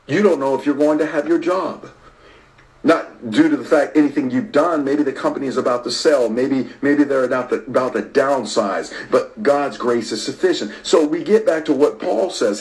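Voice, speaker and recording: A man preaching a sermon, repeating phrases for emphasis and swinging between loud stress and near-whispers while talking to online viewers. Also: mid-range voice, poor audio. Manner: repetitive and emphatic, rising to stress and dropping to a hush.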